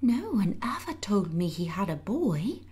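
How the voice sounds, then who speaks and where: A woman reading aloud and voicing a curious, determined young girl, with a bright, eager manner. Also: medium pitch, big pitch swings, a little slow, pitched above the performer's own voice. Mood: hushed.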